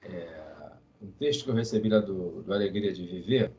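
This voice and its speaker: A man with a Brazilian Portuguese accent chimes in during a study group, halting and restarting as he speaks. He sounds distant and muffled, as if far from his mic on a lo-fi call. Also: deep voice, darkish tone. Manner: hesitant, halting. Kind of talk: casual comment.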